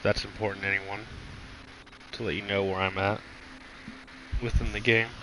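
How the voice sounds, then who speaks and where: A tired man recovering from illness, talking through laid-back gameplay commentary in a deliberately monotone, subdued way. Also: fairly low pitch, noisy background. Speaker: gaming streamer.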